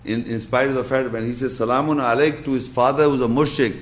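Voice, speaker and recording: A man's voice: mid-range voice, steady tone, quick pace, reverberant. A man preaching a sermon, speaking emphatically and reciting scripture in chanted Arabic, his voice climbing when he quotes. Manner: emphatic, voice rising sharply when quoting.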